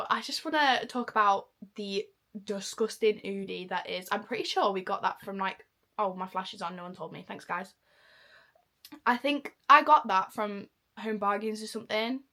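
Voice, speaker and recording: A young vlogger from Manchester, England, chats casually in a reaction vlog, poking fun at herself as she goes. Her voice is medium-pitched with a sharp tone.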